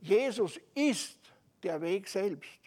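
A man preaching a sermon, emphatic, slowing on stressed phrases and dropping soft at the ends, turning to listeners with rhetorical asides. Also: high-pitched, expressive.

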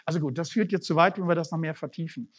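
A preacher giving a sermon, searching for words and often restarting phrases, with lively swings in pitch and loudness. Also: fast, husky. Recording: dull lo-fi recording.

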